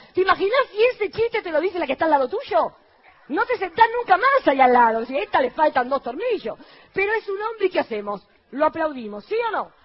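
A woman pastor with an Argentine accent preaching a lively sermon to her congregation, firing rhetorical questions at them and mimicking the people she quotes in a low, mocking voice. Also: lo-fi sound. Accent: Argentine Spanish.

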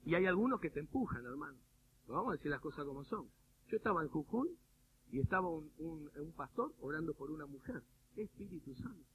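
A man preaching a sermon with an Argentine accent, animated and humorous, often mimicking people in little quoted bits. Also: on the high side, brisk. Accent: Argentine Spanish. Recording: phone-like radio broadcast with faint noise.

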